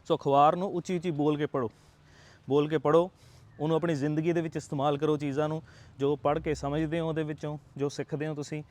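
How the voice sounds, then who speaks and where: Earnest Punjabi-accented man, higher voice. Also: flat delivery, fast talker, darkish tone. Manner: earnest, coaxing, checks in with rhetorical tags. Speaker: IELTS tutor. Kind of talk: motivational talk to camera.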